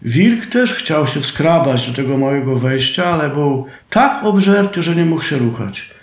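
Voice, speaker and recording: A man's voice: on the high side, expressive, measured pace, reverberant. A man with a Silesian accent telling a folk tale in a homely dialect style. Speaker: storyteller.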